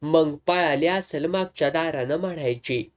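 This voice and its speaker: A man's voice: a little high, moderate pace, natural voice. A man doing a chatty rustic villager. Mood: casual. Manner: homely rural dialect, talkative.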